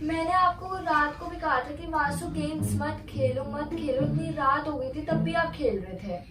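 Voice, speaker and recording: A woman's voice: sits high, moderate pace, far from the mic. A woman in her thirties playing an exasperated mother who scolds her child, in a home comedy sketch. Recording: echoey room, voice from off-mic, music behind.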